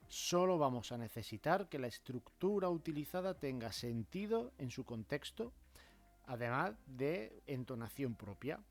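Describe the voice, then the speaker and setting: Male teacher, measured explainer who acts out examples with marked intonation. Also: medium pitch. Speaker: language teacher. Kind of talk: explanatory grammar lesson.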